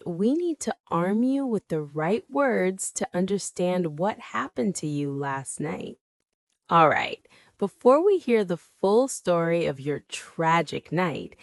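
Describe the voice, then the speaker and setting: A woman English teacher hosts a scripted lesson dialogue, encouraging her student and spelling out new words. Her delivery is unhurried and melodic, with wide swings in pitch. The sound is close and dry. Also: dry recording.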